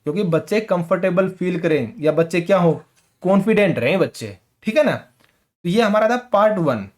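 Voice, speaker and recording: A man's voice: high-pitched, animated, moderate pace. A man teaching an exam-prep lecture in colloquial Hindi with a rural North Indian accent, mixing in English terms and often checking in with "ठीक है?". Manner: conversational, keeps asking "ठीक है?".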